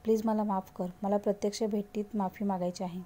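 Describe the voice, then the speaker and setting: A woman narrator voicing a remorseful grown man who pleads for forgiveness, in a mellow voice close to her own. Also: medium pitch, little pitch movement, fairly quick, close to an everyday voice. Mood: pleading. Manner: pleading, apologetic.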